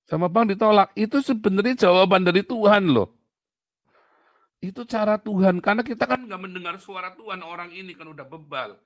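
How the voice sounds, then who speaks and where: A man's voice: high voice, brisk, no room sound, studio quality. A man teaching in a sermon-style Q&A. He tells stories with energy and acts out the voices of the people in them. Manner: animated storytelling, acting out voices of people and God.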